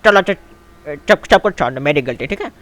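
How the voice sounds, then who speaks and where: A man hosting a game video, chatting casually and excitedly, calling his viewers "my son". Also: on the high side, quick pace. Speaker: gaming channel host. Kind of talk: casual game commentary and role-play.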